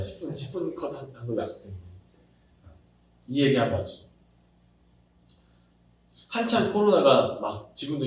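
A man preaching a casual sermon to young adults, animated, acting out quoted voices with chatty asides. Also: on the high side, far from the mic. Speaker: pastor. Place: church worship hall. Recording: roomy echo, speaker away from mic.

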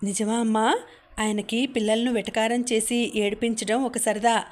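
A woman's voice: fairly high pitch, steady tone, moderate pace, a little mellow, lightly acted. A woman voicing a polite, middle-aged male private tutor speaking earnestly to a mother, in an audiobook.

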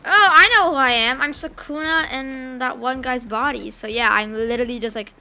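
A woman's voice: high voice, sharp tone, a little hiss or hum. A woman commentating her own gameplay in a casual way, teasing and trash-talking her opponent, often stumbling over and restarting her words. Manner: playful trash talk, halting restarts. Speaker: gamer. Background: background music.

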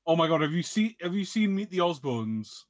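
A man's voice: a little high, very animated, normal speed, dry recording. A young man chatting casually with a friend while gaming, laughing often. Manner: giggly, bouncy, laughs often. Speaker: co-host.

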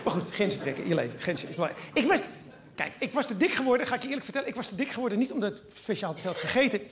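Fast-talking high-voiced comedian on stage. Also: male voice. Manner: rambling, animated, storytelling, frequent asides. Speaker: stand-up comedian. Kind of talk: stand-up comedy monologue. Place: theatre stage before an audience.

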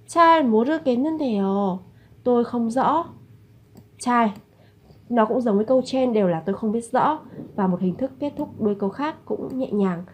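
Husky woman teaching phrases. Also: on the high side, darkish tone. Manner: repeats each example phrase slowly, then explains. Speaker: language teacher. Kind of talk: lesson explaining phrases.

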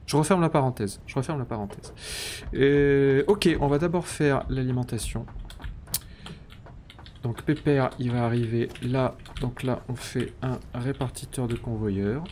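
A man's voice: mid-range voice, a little slow, darkish tone, slight background noise. A man streaming a factory-building game, thinking aloud while he builds, counting under his breath and slipping into mock-grandiose, self-ironic banter. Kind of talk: casual live-stream commentary.

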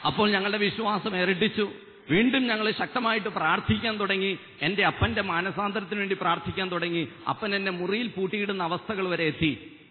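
A man in his thirties giving an impassioned testimony at a Bible convention on stage, into a stand microphone, swinging between loud and soft. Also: sits high, fairly quick. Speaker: lay preacher giving testimony. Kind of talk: fervent convention sermon. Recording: echoey convention hall, tinny narrow broadcast.

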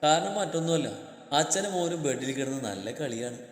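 A man narrating a romantic story as a storyteller, in a calm, steady reading. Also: fairly high pitch, a little fast. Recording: echoey room with long reverb, faint music.

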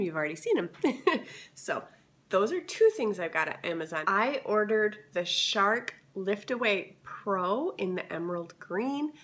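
A woman's voice: medium pitch, fairly bright tone. A woman vlogger with a scratchy voice, chatting enthusiastically through a haul video. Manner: chatty and enthusiastic, many fillers.

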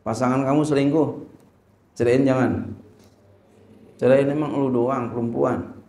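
A man's voice: medium pitch, fairly even intonation, unhurried, dark tone, echoey room, slight background noise. Male Islamic teacher. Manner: asks rhetorical questions, reads Arabic then translates. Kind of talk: religious lesson.

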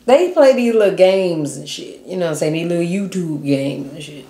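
A woman's voice: fairly low pitch, lively intonation, fairly quick, warm tone, slight background noise. Blunt, slangy woman in her forties. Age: 40s. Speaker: host. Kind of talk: casual reaction chat. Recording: echoey room.

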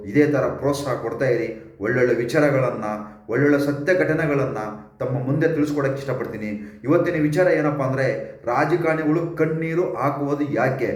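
A man's voice: medium pitch, a little mellow, echoey room. A man with a Kannada accent hosting his own channel, giving an earnest, repetitive opinion talk straight to camera. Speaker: YouTube channel host.

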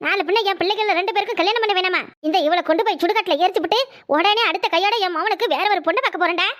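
A blunt, scolding cartoon mother-in-law from a village, as a woman puts her on. Her voice sits very high and rings bright and sharp. She talks with a mocking, bossy edge. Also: very fast. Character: harsh scheming rural mother-in-law, older woman. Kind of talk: cartoon voice acting.

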